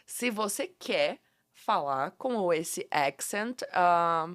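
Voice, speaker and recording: A woman from Curitiba, Brazil, with a Curitiba accent, explaining pronunciation tips as a guest teacher in a playful, animated way and laughing often. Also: lowish voice, drawn-out words, no room sound. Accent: Curitiba Brazilian Portuguese. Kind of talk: casual podcast interview.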